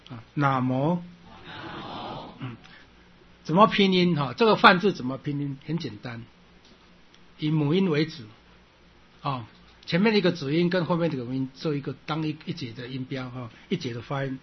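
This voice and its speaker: Male lecturer, husky voice, throat-clearing, repetitive classroom delivery, dull lo-fi recording. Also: fairly high pitch. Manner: repeats points, ends phrases with a drawn-out "ha", clears throat often. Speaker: Sanskrit teacher.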